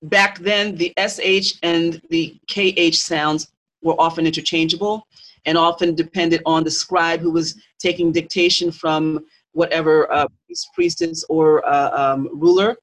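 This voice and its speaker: A host of a live talk, explaining spiritual lore in a teaching way, pausing and restarting often. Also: medium pitch, a bit bright, rough recording. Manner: explanatory, with many fillers and restarts.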